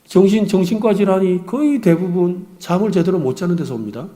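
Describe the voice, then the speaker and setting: A man's voice: sits high, animated, fairly quick, dark tone. A middle-aged man, a pastor, preaching an earnest, confessional sermon with personal stories.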